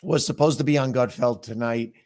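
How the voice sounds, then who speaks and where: A man with a hoarse, sore-throated voice giving a blunt, emphatic opinion monologue to viewers as a political commentator. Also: mid-range voice, fairly quick, darkish tone.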